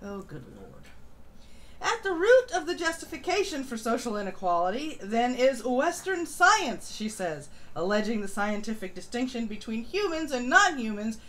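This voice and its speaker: A woman co-hosts a casual political live stream, reading an article and chat comments aloud and reacting in a mocking, sardonic way. Her fairly high voice is very animated and a bit bright at a normal speed, with faint background noise.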